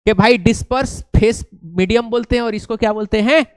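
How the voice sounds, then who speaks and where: A man's voice: high voice, fairly quick, smooth, no echo. A male science teacher, lecturing and prompting students with repeated questions. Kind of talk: classroom lecture with call-and-response questions.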